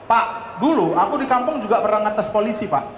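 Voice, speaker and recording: High-pitched chatty male comedian. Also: expressive, fairly quick. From North Sumatra. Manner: chatty, calls the audience "teman-teman", swears "sumpah". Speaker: stand-up comedian. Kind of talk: stand-up comedy set. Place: large hall. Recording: echoey hall, faint noise.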